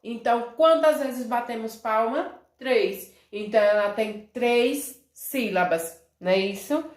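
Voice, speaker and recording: A woman's voice: on the high side, echoey room. A Brazilian woman teaching young children a review lesson, calling herself auntie and checking in with a tag question after almost every phrase. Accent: Brazilian Portuguese. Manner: speaks of herself as "tia", many tag questions like "né?" and "certo?"; drawn-out syllables when modelling words. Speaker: primary school teacher.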